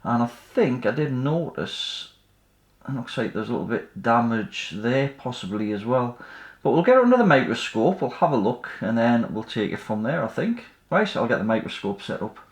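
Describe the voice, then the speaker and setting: In an echoey indoor space at his workbench, the host of an electronics repair channel thinks aloud tentatively as he fixes something, keeping the commentary casual and hands-on. He speaks at normal speed with a medium pitch and a very animated delivery.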